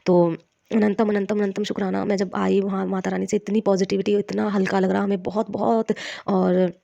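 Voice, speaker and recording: A middle-aged woman speaks with a hoarse, coughing throat as she gives an earnest devotional testimony, full of thanks. She often restarts her sentences and pauses with fillers. The recording is dry and slightly muffled. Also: medium pitch, flat delivery, warm tone, no room sound. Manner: earnest, grateful, with many restarts.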